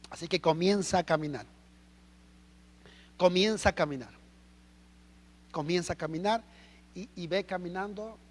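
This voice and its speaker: A Mexican man preaching a sermon as pastor, animated and full of rhetorical questions. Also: sits high, big-room sound. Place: church hall.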